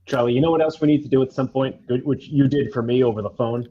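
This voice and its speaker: A man's voice: mid-range voice, fast talker, mellow. A man co-hosting a casual sports talk show, easygoing and teasing, heard over a dull line with faint noise. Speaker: co-host, referee.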